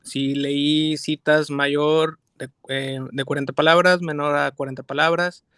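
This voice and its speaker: A young man, a student, talking hesitantly on a video call and pausing to find his words. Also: fairly high pitch, little pitch movement, a bit bright, clean tone, no room sound, studio quality.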